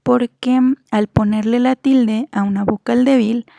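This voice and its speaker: Slow, patient woman teaching. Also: a little high, steady tone, vocal fry, mellow, no echo. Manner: patient, slow and deliberate, stretching out example words. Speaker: Spanish teacher. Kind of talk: explanatory grammar lesson.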